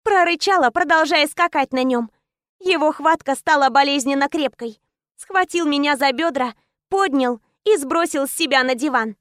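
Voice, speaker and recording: A woman's voice: sits high, normal speed, a bit bright, dry recording, clean studio sound. A woman narrating a first-person romance audiobook in intense, clipped short phrases.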